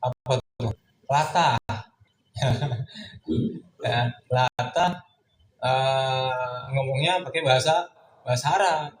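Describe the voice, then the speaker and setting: A man's voice: medium pitch, takes it slowly, pauses often. A male teacher giving a kitab commentary lesson, reading Arabic text, glossing it in Javanese and explaining in Indonesian, often asking and answering his own questions. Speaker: Islamic grammar teacher. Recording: echoey room with faint background noise.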